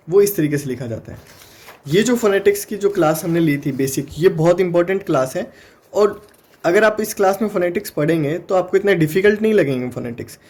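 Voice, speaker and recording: Indian man, exam-prep tutor, higher-pitched voice, patient step-by-step explainer. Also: darkish tone. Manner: explains step by step, sounds words out slowly. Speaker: teacher.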